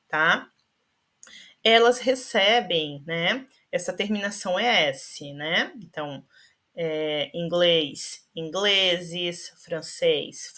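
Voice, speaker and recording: Lady teacher going through slides, slow and steady, lowish voice, keeps checking ok? right?. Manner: patient, checks in with frequent "tá?" and "né?"; slows down to spell out word endings. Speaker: Portuguese teacher. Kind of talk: slide-based grammar lesson.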